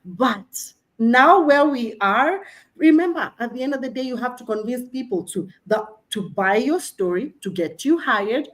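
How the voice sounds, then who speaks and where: A woman with a slightly high voice talks as an interview guest. Her delivery is confident and animated. She acts out conversations from her working life. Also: measured pace. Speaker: tech industry guest.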